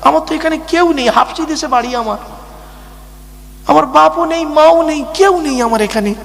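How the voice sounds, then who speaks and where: A man's voice: extremely high pitch, fairly quick, gravelly, fairly bright tone, long reverb tail, voice pushed up, heavily acted. A man voicing a weeping, humble, devout freed slave who answers in a pleading, sobbing voice. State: crying.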